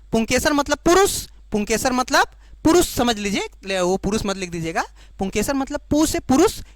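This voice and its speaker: A woman teaching biology to exam students, repeating each key term slowly and checking that the class follows. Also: on the high side, no echo. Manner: explains in Hindi, giving the English term for each.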